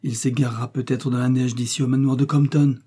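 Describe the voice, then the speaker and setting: Male reader as somber loyal innkeeper, earnest, dark husky voice. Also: medium pitch, level tone, brisk, natural voice. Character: gloomy, loyal middle-aged innkeeper. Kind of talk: audiobook character reading.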